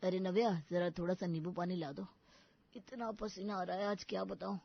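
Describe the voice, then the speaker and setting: A woman's voice: on the low side, moderate pace, creaky, husky, highs cut off, pitched below the performer's own voice. Woman voicing a mild tired young husband. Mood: calm. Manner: calm, reasoning.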